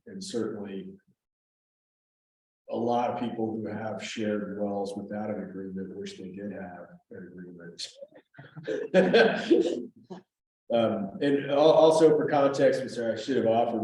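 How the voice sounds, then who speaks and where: A man's voice: on the low side, a little mellow, a little hiss or hum. A man from a water office explaining procedures to a board in a public meeting, in an explanatory, procedural way. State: talking with gum in mouth. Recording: echoey meeting room from far off.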